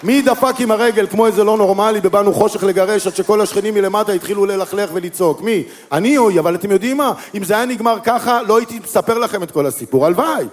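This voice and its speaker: High-voiced man telling a comic story. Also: hardly any pauses. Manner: animated storyteller acting out quoted voices with big pitch swings. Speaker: stand-up comedian. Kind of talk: stand-up storytelling.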